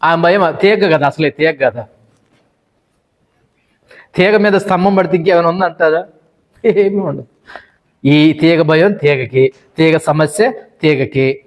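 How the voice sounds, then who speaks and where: A middle-aged pastor with a high voice preaches with fervent emphasis. He stacks up repeated phrases and slips into the voices of the people in his stories. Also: slow pace, long pauses. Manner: emphatic preaching with long repeated lists and quoted voices of wives. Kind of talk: sermon.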